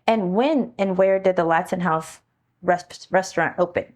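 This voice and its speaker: A woman's voice: lowish voice, moderate pace, darkish tone. A woman conducting an oral history interview, asking prepared questions.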